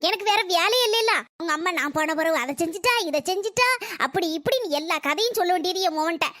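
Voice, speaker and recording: A woman's voice: very high voice, animated, fast, sharp tone, no echo, clean studio sound, heavily acted. A woman playing a bitter, quarrelsome old mother-in-law in a family skit, sarcastic and nagging. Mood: aggrieved. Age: older.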